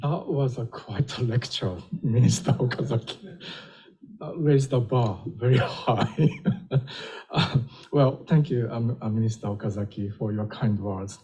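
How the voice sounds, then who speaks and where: An older Japanese professor gives a public lecture in a husky, medium-pitched male voice. He speaks slowly, gently and wryly, with small hesitations.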